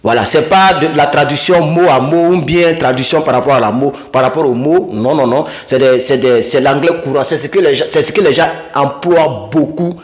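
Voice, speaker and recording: A man with a fairly high voice gives a casual whiteboard lesson in a small room. He explains at an easy pace and breaks into quick acted exchanges in a higher voice. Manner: lively, acts out little dialogues in a higher voice. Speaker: English teacher.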